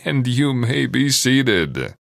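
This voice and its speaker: A man leads a children's march over loud brass band music. His pitch moves around a lot and he takes his time. He sounds playful and encouraging as he calls out names and marching commands. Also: sing-song, slow, creaky. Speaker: children's march leader and host.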